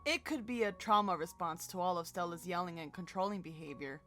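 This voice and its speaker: Speaking fairly quickly in a lowish, fairly bright voice, a female video co-host works through scripted commentary sprinkled with offhand asides. Music plays in the background throughout.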